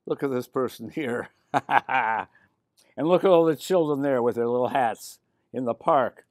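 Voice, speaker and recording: A man's voice: medium pitch, normal speed, a little mellow, no room sound, studio quality. An older man reading a picture book aloud to children, chatting to them with asides between the lines. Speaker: resident reader.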